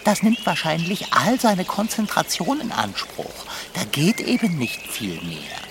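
An actor playing a grumpy, whiny talking tomcat with a lordly, fussy way of speaking in a children's radio play. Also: male voice, a little high, huge pitch swings, unhurried, background noise, exaggerated voice. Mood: grumbling. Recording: outdoor nature ambience behind.

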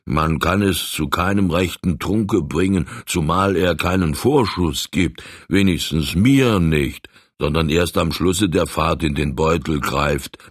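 A thirsty ship's stoker grumbles low and rough about his stingy captain, as a man reads him. The voice sits very deep with a husky grain, eager whenever drink is offered. It sounds close and dry. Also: takes it slowly, few pauses, no room sound, full character voice. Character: thirsty, cunning grown male ship's stoker.

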